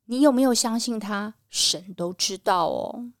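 Gentle woman telling kids' Bible stories. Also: on the high side, a little slow. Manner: gentle, addresses children directly with coaxing questions. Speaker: children's Bible storyteller. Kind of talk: storytelling to children.

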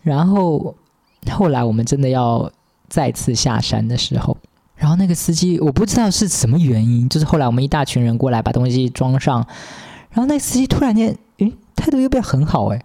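A man with a mellow, warm voice tells a story in a casual monologue. He sounds exasperated and animated as he relives it. His delivery is loose and conversational, like a host talking to listeners. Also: medium pitch, a little fast, vocal fry. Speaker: podcast host.

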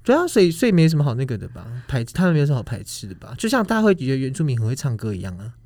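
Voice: mid-range voice, sing-song, racing, a little mellow, dry recording. A podcast co-host with a Taiwanese accent, chatting casually and asking teasing, provocative questions. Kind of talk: casual chat.

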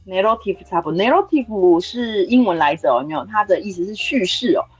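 Husky fast-talking woman language teacher. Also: medium pitch, expressive, faint music behind, poor audio. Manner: explains patiently with check-in questions. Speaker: Korean language teacher on a podcast. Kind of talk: explaining on a podcast.

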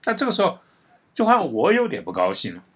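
A man from Taiwan, telling a casual story as a commentator in a chatty way that ends phrases with drawn-out particles. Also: a little high, huge pitch swings, slightly rough.

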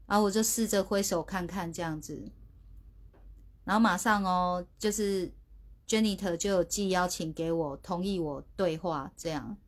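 A woman's voice: on the low side, moderate pace. Chatty woman livestreaming. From Taiwan. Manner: chatty, sheepish, stumbling restarts. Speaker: livestream host. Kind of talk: casual livestream chat. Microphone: phone.

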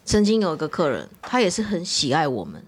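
A woman, an online shop owner telling customer stories in casual chat with animated flair. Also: low-pitched, breathy edge. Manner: animated storyteller, quick and expressive.

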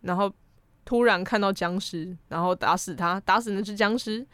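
A woman's voice: mid-range voice, normal speed, fairly bright tone, no echo. Young Taiwanese Mandarin woman, close dry recording. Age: young adult. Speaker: podcast co-host. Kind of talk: casual chat about anime and pop culture.

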